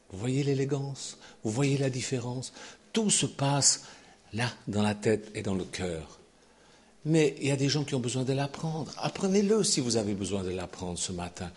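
A man preaching a sermon in an animated way, swinging from loud exclamations to near-whispers. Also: medium pitch, breathy edge.

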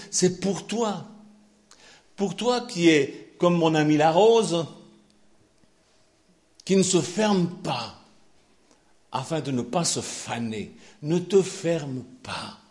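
An older man delivers a sermon in a chapel, his voice rising and falling in wide, lively swings of pitch. He talks expressively, laughing between points and dropping to a hush before calling out again. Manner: warm, expressive preaching with laughter and sudden shifts between loud and hushed. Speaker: pastor.

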